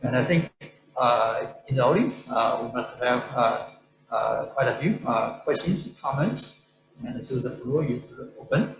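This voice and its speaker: A man's voice: mid-range voice, unhurried, gravelly. A man moderating a lecture Q&A, talking hesitantly with many fillers. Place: lecture hall. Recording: echoey hall with room noise.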